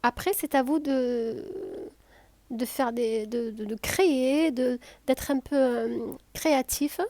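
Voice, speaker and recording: A woman with a southern French accent, calmly explaining a cooking tutorial step by step, with frequent hesitations. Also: high voice, takes it slowly, no echo. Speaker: home cook.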